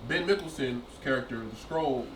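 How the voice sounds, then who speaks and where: A man co-hosting a casual live chat show, working through his thoughts out loud with plenty of ums and restarts. His voice sits in the middle range. He sounds a little distant from the mic in an echoey room, with faint hiss under him. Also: mid-range voice, normal speed. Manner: hesitant, thinks aloud with many fillers. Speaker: podcast co-host.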